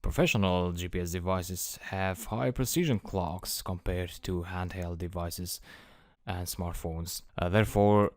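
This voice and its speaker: A man with an Eastern European accent giving an explanatory lecture as an instructor, in a measured, methodical manner. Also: low-pitched, darkish tone, no room sound, studio quality.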